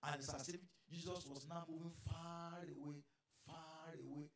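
A male pastor telling a story in a sermon, dropping to a hush and then rising to loud, dramatic preaching. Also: fairly high pitch, little pitch movement, normal speed. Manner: dramatic storytelling, swinging from hushed to shouting.

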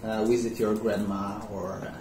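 Man, croatian accent, casual chat, halting easygoing, echoey room, a bit off-mic. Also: fairly low pitch, flat delivery, darkish tone, recorded from a distance, slight background noise. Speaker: vlog co-host.

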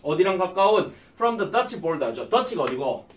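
A male English teacher, giving an exam-prep lecture and quizzing his students with quick questions. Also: high-pitched, sing-song, roomy sound, recorded from a distance, muffled recording, a little hiss or hum.

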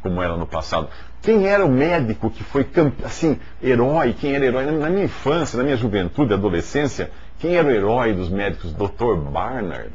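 A man in his forties gives a talk in a husky, fairly low voice that rises and falls with animated, joking emphasis. The studio sound is dull and lo-fi, as if taken from an old video. He talks as if to an audience, full of lively gestures. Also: fairly quick. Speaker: speaker.

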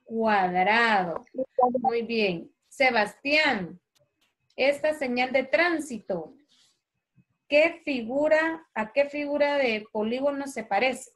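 Woman primary teacher, Honduran Spanish accent, slightly high, unhurried, patient, online class. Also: animated, a bit bright. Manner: patient, slow and clear, calls children by name. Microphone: video call.

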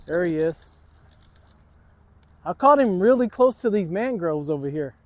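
A middle-aged man runs an outdoor fishing vlog, chatting casually with his viewers from a dock on the water and calling them "guys." His voice sits high and sounds darkish, expressive and unhurried, with no echo. He's filmed by a camera on a tripod, which he sometimes holds selfie-style.

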